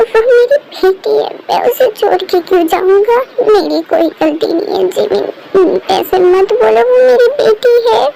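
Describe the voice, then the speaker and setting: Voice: extremely high pitch, vocal fry, noisy background, exaggerated voice. A performer in an amateur fan dub voices a heartbroken young father who pleads tearfully for his daughter. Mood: pleading. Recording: loud background music.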